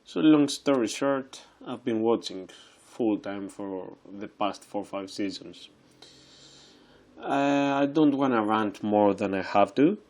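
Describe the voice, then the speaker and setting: A man's voice: on the low side, slow, a little mellow. A man in his twenties from Greece, hosting a casual solo podcast, who talks with many fillers and restarts. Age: 20s. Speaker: podcast host.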